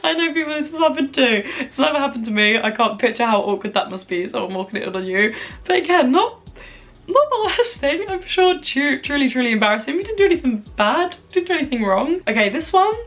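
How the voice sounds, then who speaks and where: A young British woman speaks in a fairly high voice, as if dishing gossip to friends. Her delivery is gleeful, giggly and expressive, moving between reading things out and reacting casually as a vlog host. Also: a little fast. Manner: chatty, expressive, mildly swearing. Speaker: video host.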